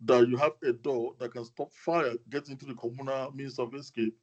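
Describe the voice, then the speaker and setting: Man, medium pitch, hesitant questioning, video call, slightly dull audio. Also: fairly even intonation, brisk. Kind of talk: asking questions in a meeting.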